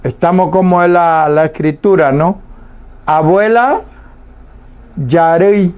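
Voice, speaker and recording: A man teaching a language lesson on the radio, saying each word slowly and repeating it patiently so listeners can copy. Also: fairly high pitch, darkish tone, smooth. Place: radio studio.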